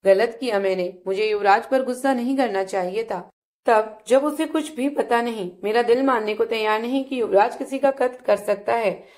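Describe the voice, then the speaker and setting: A young wife with a fierce temper, played by a woman storyteller in a told family drama. She scolds in short, harsh commands. Her voice is fairly high. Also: normal speed, a little mellow, close to an everyday voice. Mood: remorseful. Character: young wife, sharp-tempered, later remorseful.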